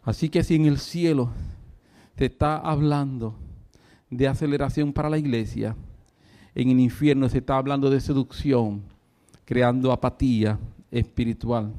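A man's voice: mid-range voice, steady tone, normal speed, long pauses, mellow. A man preaching a sermon, telling a story with fervent energy and breaking into laughter. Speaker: pastor.

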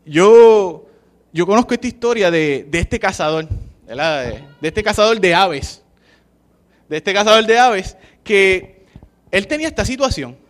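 Man, Puerto Rican accent, high voice, casual preaching, keeps checking in with the listeners. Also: fairly bright tone. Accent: Puerto Rican Spanish. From Puerto Rico. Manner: conversational, keeps asking the listeners "¿verdad?". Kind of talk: informal sermon with a story.

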